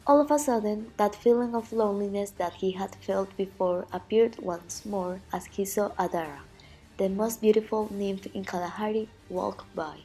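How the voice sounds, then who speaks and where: A woman's voice: medium pitch, normal speed, dark tone, rough recording. A woman reads a scripted ancient myth as narration, in a grave storytelling manner.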